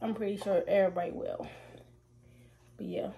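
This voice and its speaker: A woman's voice: medium pitch, steady tone, moderate pace, gravelly, slightly rough, dull audio. A 21-year-old woman from Ohio, a vlogger casually chatting to her viewers in a slangy, talkative way, at work and in her car. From Ohio, USA. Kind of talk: casual vlog chat to viewers.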